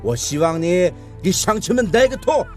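A man's voice: high voice, big pitch swings, darkish tone, soft background music. An actor playing a middle-aged male village chief who coaxes villagers in a preachy, folksy way. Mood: persuading. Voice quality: coaxing, preachy with drawn-out sentence endings. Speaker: village head. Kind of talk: radio drama acting.

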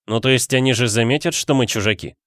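A man's voice: mid-range voice, quick pace, a bit bright, no room sound, clean studio sound, pitched above the performer's own voice, close to an everyday voice. A man voicing a nervous, reluctant young man in an audiobook. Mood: uneasy. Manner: uneasy, hesitant. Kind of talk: audiobook character voice.

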